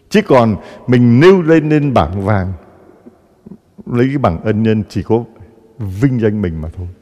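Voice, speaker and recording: Priest guy giving a sermon, voice jumps all over, long echo in the church. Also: medium pitch. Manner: animated storytelling, acting out gossiping voices.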